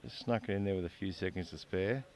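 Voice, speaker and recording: A man commentating live on a lifting event, reading out lifters and weights with a relaxed, joking manner. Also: low-pitched, fast talker. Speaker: sports commentator.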